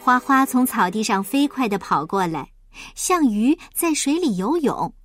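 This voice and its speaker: A woman narrating a children's story in an expressive, lilting storyteller's manner. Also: a little high, unhurried, soft background music.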